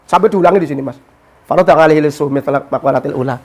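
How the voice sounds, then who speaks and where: A man's voice: on the high side, fast. A man, a religious teacher explaining a story in casual talk and quoting Arabic texts. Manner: storytelling, mixes Arabic quotes with explanation, animated.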